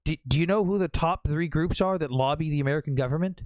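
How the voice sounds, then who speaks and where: A young man hosts a live online debate, combative and mocking, swearing often as he presses his opponents. His voice is a little high, fast and a little mellow, with no room sound.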